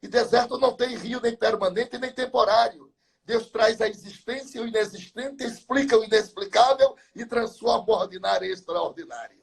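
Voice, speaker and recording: A pastor in his seventies, with an extremely high, creaky voice that has a breathy edge, speaks a little fast in a live chat. He tells Bible stories with fervor, heaping up biblical numbers and wordplay as he preaches.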